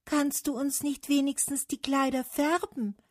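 A woman voicing a hopeful young birch tree with a bright, clear voice in a storybook reading. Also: sits high, little pitch movement, a little slow, no echo, clean studio sound, voice pushed up.

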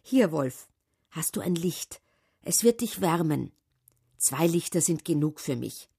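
A woman voicing a kind, gentle young shepherd boy who speaks earnestly in a storybook reading. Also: deep voice, expressive, measured pace, creaky, slightly rough, exaggerated voice.

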